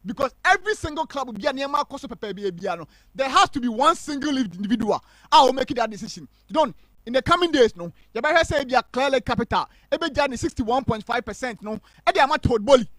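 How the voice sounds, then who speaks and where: High-pitched football pundit. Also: male voice, fast, no room sound. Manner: mixes English and Twi, animated and emphatic. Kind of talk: live stream match preview commentary.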